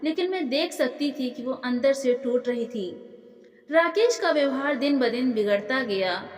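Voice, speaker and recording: A woman with a high voice tells a family story in the first person, earnest and steady. Her voice rings in a roomy space, with a long reverb trailing after each line. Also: measured pace.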